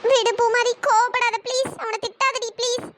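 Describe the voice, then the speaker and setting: A woman's voice: level tone, moderate pace, a bit bright. [name], a woman voicing a sobbing heartbroken girl. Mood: tearful. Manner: sobbing, pleading. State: crying. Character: heartbroken young woman, meek and tearful. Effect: pitch-raised voice. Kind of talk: cartoon story voice acting.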